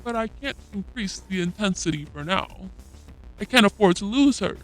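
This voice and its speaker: A woman's voice: medium pitch, animated, moderate pace, soft background music, low-quality recording. A woman reading a story aloud, using a voice changer that morphs her voice into a man's to play an obsessive, coldly possessive male lab scientist in an intent, clipped manner. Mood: insistent. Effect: voice changer morphing her voice into a male one.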